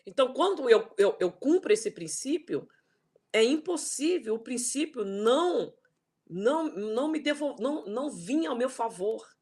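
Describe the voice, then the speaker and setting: Older woman pastor, husky voice, earnest repetitive preaching on a video call. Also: on the high side, expressive, unhurried, a little mellow. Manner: emphatic, repeats words, asks "né?" and "tá?". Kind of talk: online sermon teaching.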